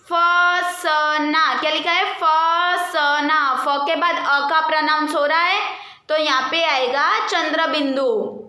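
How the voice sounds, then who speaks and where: A woman teaches young children at an unhurried pace, stretching out each word and posing questions that she then answers herself. Her voice is high and bright. The recording has a noticeable room echo. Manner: slow, patient, drawn-out word repetition. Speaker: primary school Hindi teacher. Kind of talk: online lesson for young children.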